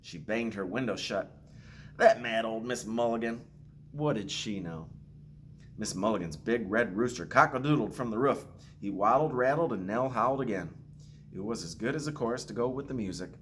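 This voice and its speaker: Reading to children at a normal speed, a man who works at a school brings a storybook to life with expression and playful side comments. His voice is on the low side and expressive, and there's slight background noise.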